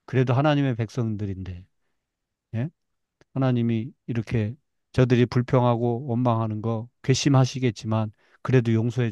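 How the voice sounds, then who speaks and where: A man's voice: mid-range voice, no echo, highs cut off. Man teaching a Bible class, dry sound. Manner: lively retelling, acts out complaints with wails.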